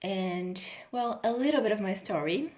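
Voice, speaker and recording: A Brazilian healing coach in her thirties chats casually on a live video, laughing often and restarting sentences. Her medium-pitched voice is animated and a little mellow, with a moderate pace.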